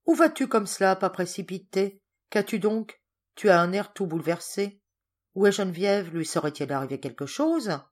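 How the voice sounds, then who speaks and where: A woman's voice: medium pitch, animated, moderate pace, voice pushed up, lightly acted. A woman reading aloud and voicing a fussy, talkative woman cousin who keeps asking questions. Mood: fussing. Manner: fussing, questioning.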